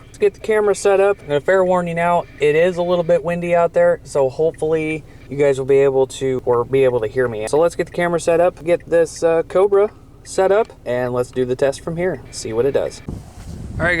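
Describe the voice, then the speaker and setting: A plain-spoken, folksy man giving a casual product review as a vlogger. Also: fairly high pitch. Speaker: radio reviewer. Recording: noisy camera audio.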